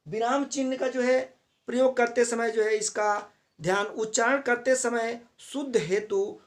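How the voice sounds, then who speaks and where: Teacher lecturing with many fillers. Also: male voice, very high-pitched, steady tone, a little slow. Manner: explains step by step with frequent fillers, repeats key terms. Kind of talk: classroom lecture for teacher trainees.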